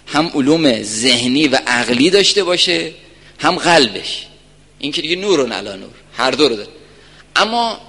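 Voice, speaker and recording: A man giving an earnest religious lecture to a gathering, telling stories and swinging from soft asides to emphatic points. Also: mid-range voice, creaky. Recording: reverberant hall.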